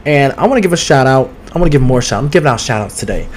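Male podcast host, mid-pitched, sassy gossip chatter, streaming from home. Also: lively intonation, rapid-fire, a little mellow, a little hiss or hum. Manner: sassy, outspoken, swears freely; talks straight to listeners. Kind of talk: casual gossip chat. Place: home studio. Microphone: streaming with two cameras.

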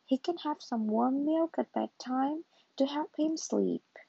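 A woman voicing a friendly bear doctor in a storybook reading, in a calm, reassuring manner, on a dull lo-fi recording. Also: sits high, slow pace, creaky, dry recording, heavily acted.

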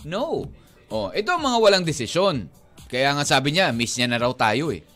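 Playful Filipino radio DJ, lively pitch. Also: male voice, normal speed, faint music behind. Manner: playful, teasing, laughs often, mixes English in. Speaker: radio DJ co-host. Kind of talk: casual radio banter.

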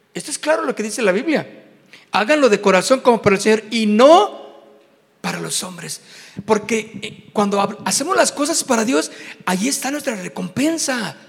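A high-pitched man with a gravelly edge gives a Bible class. He talks conversationally, acting out little exchanges and restarting his sentences. His voice rings with the long reverb of a church hall. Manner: conversational, acts out little dialogues, many restarts. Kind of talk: sermon.

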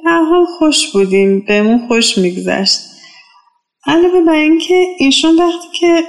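A woman's voice: sits high, soft background music, low-quality recording. Woman in her 50s telling a memory. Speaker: storyteller sharing a memory. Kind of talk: casual personal storytelling.

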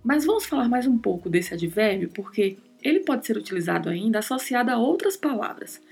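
A woman's voice: on the high side, big pitch swings, fairly quick, gravelly, a little mellow, breathy edge, soft background music. A woman hosting a podcast, teaching Spanish in a careful, scripted lesson and spelling out words and sounds. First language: Portuguese.

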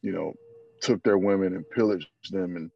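Man, guest, very deep husky voice, dull lo-fi recording, thoughtful, hesitant. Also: steady tone, normal speed, dark tone, dry recording. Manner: thoughtful, hesitant, self-qualifying. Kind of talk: casual conversation.

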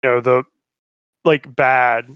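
A man's voice: medium pitch, steady tone, takes it slowly, clear, resonant tone, no room sound, highs cut off. A man co-hosting a podcast, chatting about a film and laughing a lot. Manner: chatty, laughs a lot, quotes lines in a put-on voice. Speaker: podcast co-host. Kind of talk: casual film review chat.

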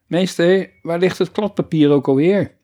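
A man voicing a scatterbrained young schoolgirl in a storybook reading, high and pleading. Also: sing-song, normal speed, warm tone, breathy edge.

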